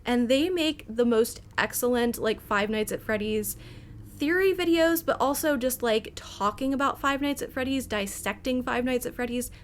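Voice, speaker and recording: A young woman with a fairly high-pitched voice chats casually as she narrates a game build. She sounds over-caffeinated and excitable, rambling from thought to thought and giggling often between phrases. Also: moderate pace, a little hiss or hum. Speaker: gaming video creator. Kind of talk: chatty casual build commentary.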